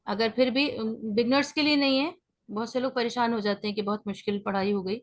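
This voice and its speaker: A woman's voice: on the high side, steady tone. A woman teaching a beginners' grammar class online, explaining step by step and often checking in with her students.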